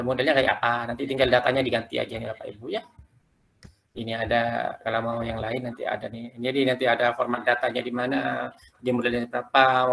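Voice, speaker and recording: Gravelly-voiced man teaching teachers. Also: mid-range voice, fairly bright tone. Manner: quick, loose explaining, keeps addressing listeners as "Bapak Ibu". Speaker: teacher-trainer leading a workshop for teachers. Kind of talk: live screen-share tutorial.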